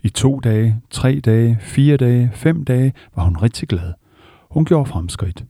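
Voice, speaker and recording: A man giving a calm, measured meditation talk, telling stories and repeating words for emphasis. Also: mid-range voice, no room sound, studio quality. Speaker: meditation teacher. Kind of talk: dharma talk with storytelling.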